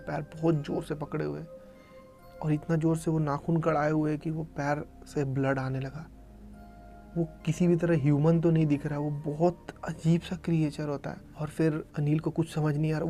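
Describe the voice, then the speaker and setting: A man's voice: on the high side, creaky, mellow. A man casually retelling a horror story in spoken style, acting out the cries of the people in it as he goes. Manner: retells events in present tense, dramatizing quoted cries.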